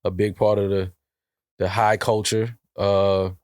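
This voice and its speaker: A man's voice: on the low side, level tone, unhurried, darkish tone, dry recording, clean studio sound. A man co-hosting a podcast in casual, slangy talk, repeating phrases for emphasis. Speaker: podcast co-host.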